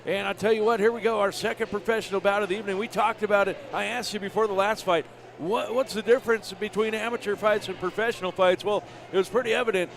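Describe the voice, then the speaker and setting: A man with a high-pitched voice calls a live MMA bout. He delivers play-by-play sports commentary as the lead host at the event. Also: steady tone, fast talker, creaky. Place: live fight event venue.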